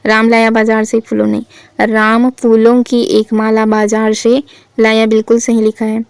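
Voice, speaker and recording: Woman teacher with a steady, level voice. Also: fairly high pitch, measured pace, gravelly, clean tone, dry recording. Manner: steady teacherly delivery, asking and answering her own questions. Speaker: Hindi grammar teacher. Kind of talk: exam-prep lesson, reading and correcting sentences.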